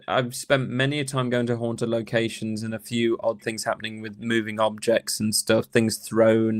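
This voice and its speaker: With a fairly low pitch, a man appears as an academic interview guest, telling anecdotes in a thoughtful, rambling, conversational manner.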